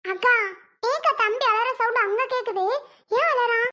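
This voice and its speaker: A woman's voice: extremely high pitch, moderate pace, pushed and bright, voice pushed up. A chirpy little cartoon girl. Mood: eager. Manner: chirpy, coaxing, reassuring. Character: helpful little girl, eager younger sister. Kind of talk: cartoon voice acting.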